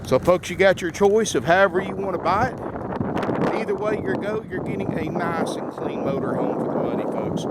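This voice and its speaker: Slightly slurring higher-voiced salesman, numb from dentist. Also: brisk. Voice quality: slightly slurred speech from a numb mouth after dental work. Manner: folksy, often addresses viewers as "folks". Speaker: RV salesman presenting a used motorhome. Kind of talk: casual sales walkaround video pitch. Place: outdoors at an RV lot, then inside the motorhome. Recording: noisy outdoor handheld video, engine rumble. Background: running generator and air conditioners.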